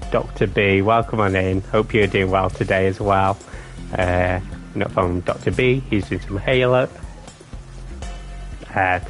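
A deep-voiced man casually chats with his live-stream viewers while gaming. He is playful and jokey, and now and then he bursts into silly singing.

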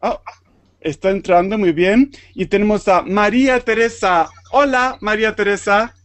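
A man's voice: sits high, moderate pace, fairly bright tone, no room sound. A man from Argentina with an Argentine Spanish accent, teaching an online group lesson and patiently repeating words for learners.

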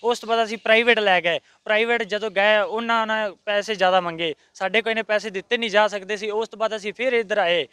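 A man's voice: high-pitched, steady tone, quick pace, hardly any pauses, bright, forceful tone, clean tone, no room sound. A man with a Punjabi accent, aggrieved and insistent as he tells a reporter how his wife was left untreated. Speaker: patient's husband. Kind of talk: complaint to a reporter. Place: outside a hospital.

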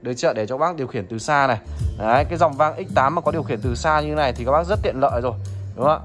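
A man demonstrating audio equipment in a chatty sales pitch, often checking in with viewers. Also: racing, music in the background. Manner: chatty, addresses viewers as "các bác", frequent "được chưa?". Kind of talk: product demo sales pitch.

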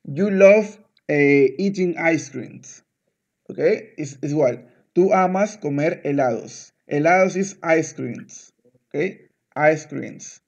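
Patient man teaching Spanish in slow repetitions. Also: on the high side, animated, darkish tone. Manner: patient, repeats words, switches to English to explain. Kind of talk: one-on-one language lesson.

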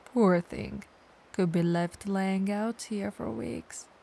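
In an ASMR audio roleplay, a woman plays a teasing, dominant but caring vampire, breathy and gravelly, often slipping into whispers as she coaxes with playful condescension. Her voice is medium-pitched, mellow and fairly even, taken slowly, with a musing mood.

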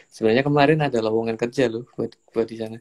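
A young man, hosting a casual interview in a relaxed, joking way. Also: medium pitch. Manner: relaxed, joking, slips into Javanese slang. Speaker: host.

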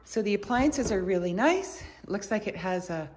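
A woman with a mid-range, expressive, darkish voice speaks at normal speed as a real estate agent giving a casual, unscripted house tour. She chats and thinks aloud while walking through the rooms, holding the handheld camera or phone herself, and the walkthrough recording is clearly noisy.

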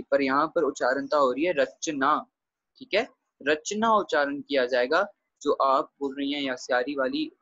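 A man's voice: a little high, fairly bright tone, no room sound, muffled recording. A man teaching a grammar lesson over a video call, explaining patiently and checking in often with his students. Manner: explains patiently, checks with frequent "theek hai".

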